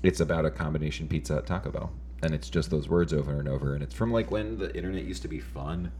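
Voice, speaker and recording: A man's voice: fast, slight background noise. A man chatting casually as a podcast guest, wry and joking. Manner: wry, joking, lively swings in pitch.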